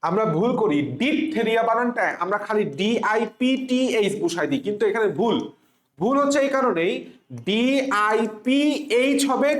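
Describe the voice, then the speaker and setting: A man teaching spelling for exam prep, spelling words letter by letter and having students repeat after him. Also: very high-pitched. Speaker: spelling tutor for medical admission students. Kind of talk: classroom-style exam lesson. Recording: echoey room.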